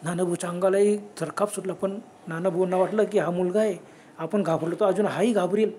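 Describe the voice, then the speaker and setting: A man's voice: high-pitched, fairly even intonation, a little fast, mellow, a little hiss or hum. A man narrating a horror story dramatically, dropping into whispers at the scary moments.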